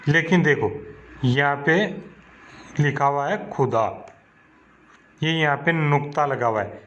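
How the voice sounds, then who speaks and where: A man's voice: on the high side, slow, fairly bright tone. A man teaching a lesson to children, asking questions and answering them himself in a patient, repetitive way. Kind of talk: slow classroom explanation to children. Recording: dull lo-fi recording.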